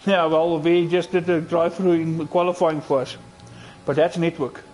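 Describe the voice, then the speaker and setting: A man's voice: a little high, little pitch movement, normal speed, darkish tone, a little hiss or hum, poor audio. A South African man with an Afrikaans accent, giving casual live commentary on a sim racing stream. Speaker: esports race commentator.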